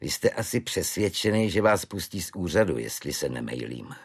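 A good-natured soldier chatters on in a raised, easy voice, matter-of-fact and cheerful whatever the subject. He talks unhurried and sure of himself, as a male narrator puts him on in a storybook reading. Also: deep voice, sing-song, slightly rough, full character voice. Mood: chatty. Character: good-natured, blithely unfazed soldier, adult man.

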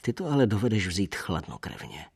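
A man voicing a troubled young male seminarian who speaks haltingly and reluctantly, as if every word is a burden. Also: fairly low pitch, sing-song, darkish tone, slightly rough, exaggerated voice.

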